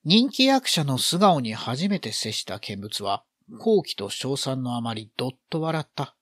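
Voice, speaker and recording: A man's voice: mid-range voice, sing-song, a little slow, fairly bright tone, no echo, studio quality. A man reading a literary story aloud, expressively acting out the feelings in the narration.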